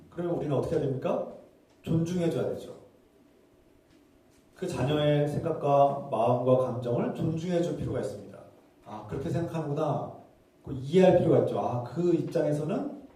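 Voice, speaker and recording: Man, forties, pastor, earnest sermon, dark mellow tone, heavy church echo. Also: medium pitch, distant mic. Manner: earnest, explaining, acts out quoted scolding voices. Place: church sanctuary. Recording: very echoey church hall, voice from afar.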